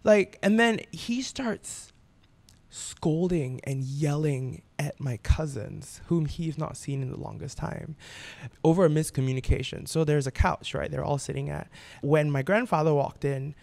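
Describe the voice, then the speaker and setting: A man's voice: fairly high pitch, a little slow, vocal fry, darkish tone, no echo. A man in his late twenties, a podcast guest, telling a painful family story in a candid way, often repeating and restarting his words. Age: 20s. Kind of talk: emotional personal storytelling.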